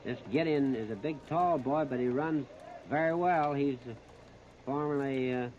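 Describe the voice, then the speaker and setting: With a darkish, mid-range voice and measured pace, an American man calls baseball play-by-play on 1930s radio. He uses short, plain, folksy phrases, and the disc recording is muffled and noisy.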